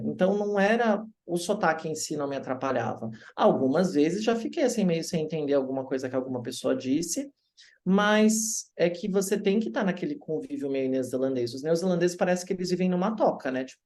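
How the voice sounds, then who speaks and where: A man from Brazil, an English teacher telling stories in a casual interview, lively and acting out the voices of people he quotes. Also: on the high side. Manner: animated, acts out quoted voices.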